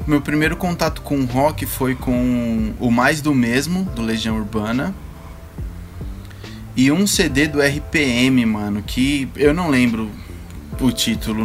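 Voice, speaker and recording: Brazilian man in relaxed slangy conversation, mid-pitched. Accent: Brazilian Portuguese. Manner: slangy, informal. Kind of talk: casual chat.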